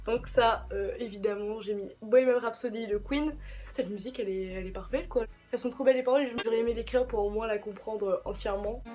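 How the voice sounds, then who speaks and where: Over music, a young woman vlogger of Portuguese descent chats casually about songs, her speech full of slang and fillers. Her voice sits on the high side, fast and fairly even in intonation.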